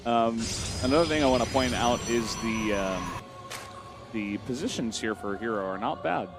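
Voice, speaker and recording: A man's voice: mid-range voice, lively intonation, normal speed, over music. Analytical male esports co-caster. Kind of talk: game commentary.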